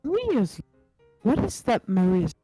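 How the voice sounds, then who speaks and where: A woman's voice: medium pitch, huge pitch swings, measured pace, mellow, husky, no room sound, faint music behind. A woman on an online call whose mic keeps cutting out, sounding puzzled and asking what words mean. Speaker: call-in guest. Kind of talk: casual chat. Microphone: remote call microphone.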